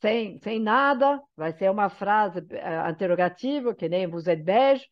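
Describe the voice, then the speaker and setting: A woman's voice: mid-range voice, animated, a little slow. A woman who is a teacher giving an online lesson, explaining patiently and often checking that her students follow. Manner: explanatory, checks understanding with frequent "tá?". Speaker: French teacher. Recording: slightly dull lo-fi sound.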